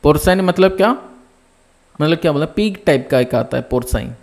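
High-voiced male nursing teacher. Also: animated, a little fast, gravelly. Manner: explains step by step, often checks "ठीक है ना?". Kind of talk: live online class lecture.

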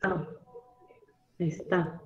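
A woman's voice: very slow, echoey room, dull audio, noisy background. A woman student answering a teacher's questions in class, unsure of herself and hedging her answers.

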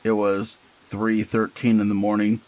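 A man reading a horror story aloud as scripted narration, in a measured, deliberate way. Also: lowish voice, monotone, a little mellow, low-quality recording.

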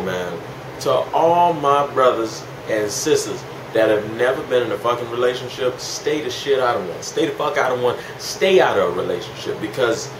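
A man of twenty-one, tipsy and rambling, in a casual, swearing, slangy confessional chat. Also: medium pitch. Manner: heavily profane, slangy. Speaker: vlogger. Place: small indoor room at home. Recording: echoey room with clear background hiss.

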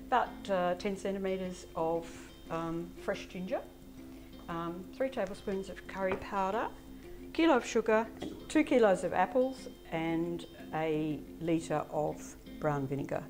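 A woman's voice: lowish voice, a little slow, a little mellow, soft background music. A woman, a guest explaining how she makes chutney in a casual, plain-spoken way with frequent ums. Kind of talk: casual cooking chat. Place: home kitchen, indoors.

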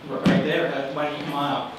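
A man moderating the panel, brisk with frequent fillers. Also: fairly high pitch, monotone. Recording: distant echoey sound with noise.

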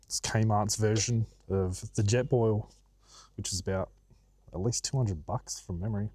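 A relaxed, chatty Australian man in middle age, talking to his camera outdoors by a quiet road. His voice sits low and is recorded dry and close, with easy laughs and the odd casual swear word. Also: a little slow, slightly rough, dry recording. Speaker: vlogger. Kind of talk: casual outdoor vlog chat.

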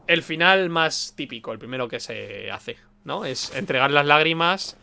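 Excitable gaming streamer man. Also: on the high side, a little slow, creaky, a little hiss or hum. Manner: excitable, shouts at the game, reads game text aloud. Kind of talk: let's play commentary.

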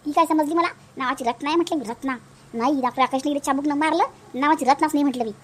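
This is a cartoon mother-in-law, voiced by a woman. She complains and pleads in a strong Vidarbha accent, and her voice sits very high. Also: rapid-fire, a little hiss or hum, natural voice. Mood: scheming. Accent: Vidarbha Marathi. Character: scolding older mother-in-law, complaining about her aches. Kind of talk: cartoon voice acting.

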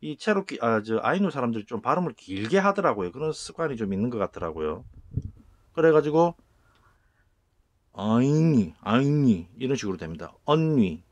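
A middle-aged man giving a lesson on words, sounding them out slowly and repeating each one. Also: mid-range voice, very animated, dull audio. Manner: slow, repeating words aloud to show sounds. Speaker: channel host explaining word origins. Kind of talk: lecture on words.

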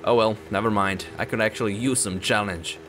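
A man giving excitable let's play commentary, swearing often and talking to himself and the game as he plays. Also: on the low side, a little fast. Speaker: gaming channel host. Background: game music.

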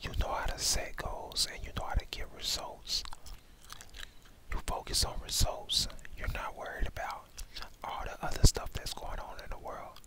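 Young man's whispered ASMR pep talk. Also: normal speed. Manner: whispering, reassuring, speaking straight to the listener. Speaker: ASMR host. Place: indoors, small room at home. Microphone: headset microphone close to the mouth.

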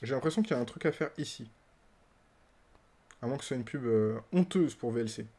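A man's voice: medium pitch, expressive, fairly quick, a little mellow. A man giving casual let's-play commentary as a streamer, playful, laughing often and talking to the game characters.

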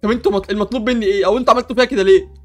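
A man's voice: high voice, fairly even intonation, rapid-fire, soft background music. A young man with an Egyptian Arabic accent, hosting an improvised game role-play with comic panic and bluster.

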